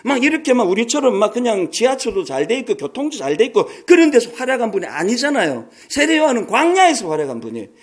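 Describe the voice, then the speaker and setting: A male pastor in his sixties preaching a sermon in an animated, storytelling way with humorous asides. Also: very high-pitched, fast talker, hardly any pauses. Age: 60s.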